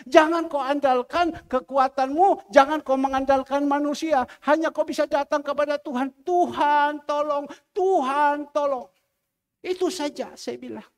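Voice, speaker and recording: A pastor with a very high-pitched voice delivers a sermon in a large church hall, his speech at a normal pace with fairly even intonation and plenty of reverb. He preaches emphatically and repetitively, acting out the people he quotes.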